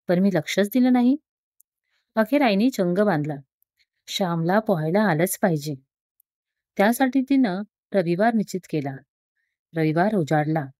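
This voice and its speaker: A woman narrating a story in a calm, even storytelling delivery. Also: mid-range voice, no echo, clean studio sound.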